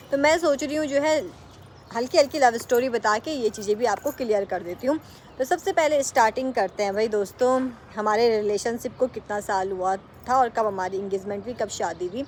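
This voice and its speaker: A woman's voice: fairly high pitch, slight background noise. A young woman chatting casually to camera on a rooftop, rambling and correcting herself as she talks to her viewers. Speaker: vlogger. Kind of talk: casual vlog chat to camera. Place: rooftop, outdoors.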